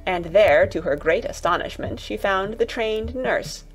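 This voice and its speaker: A woman narrating a classic children's audiobook in a calm, even storytelling voice. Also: mid-range voice, measured pace, music in the background, rough recording.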